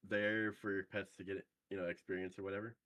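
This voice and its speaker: A young man chatting casually over group voice chat while gaming, hesitant and halting with lots of fillers. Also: deep voice, flat delivery, a bit bright, no echo. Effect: heard over group voice chat.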